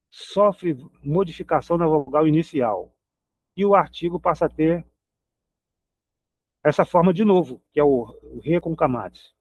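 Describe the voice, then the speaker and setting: A man's voice: fairly high pitch, a little mellow, no echo, dull audio. A man teaching a recorded Hebrew grammar lesson, patiently repeating each example word.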